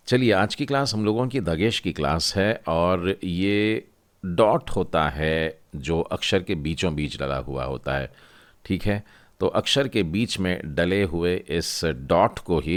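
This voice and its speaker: A man teaching a Hebrew lesson, explaining step by step and repeating each new term. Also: deep voice. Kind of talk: classroom lesson.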